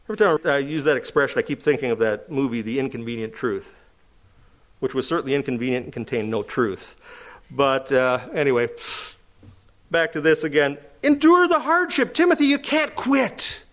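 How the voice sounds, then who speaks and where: Preaching at a brisk clip, a middle-aged pastor swings from quieter sections up to loud, high-pitched appeals.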